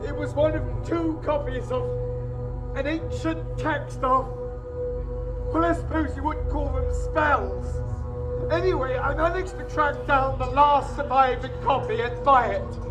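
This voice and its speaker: A man's voice: very high voice, a little slow. An actor playing a worried, bookish man in an audio drama, speaking with earnest foreboding. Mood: fearful foreboding. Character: Mister Sims, worried bookish seeker of rare books. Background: music.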